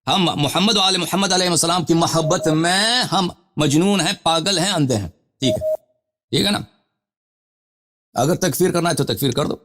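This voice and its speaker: A man's voice: on the high side, background noise. A man hosting a live show, debating a caller insistently and repeating his questions.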